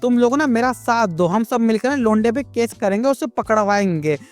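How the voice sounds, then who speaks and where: A man's voice: very high-pitched, animated, normal speed, dry recording, soft background music. A man voicing a flustered, foul-mouthed young woman team leader in a comic recap, with brash, slangy outbursts. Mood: accusing.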